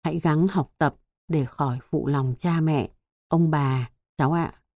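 A woman voicing a frail, gentle grandfather in his nineties who speaks weakly and breathily in an audiobook. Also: sits low, a little slow, no room sound, studio quality. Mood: tender. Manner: weak and whispery.

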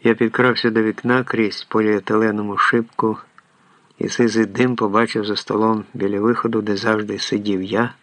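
A male narrator reads a story in a measured way, his voice low with a gravelly creak. The sound is close and dry. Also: fairly bright tone, no echo. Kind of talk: audiobook narration.

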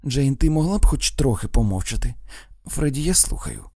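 Reproachful young wife, insistent, warm tone, male narrator voicing. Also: medium pitch, very animated, moderate pace, no room sound, studio quality. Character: young wife, wounded and demanding.

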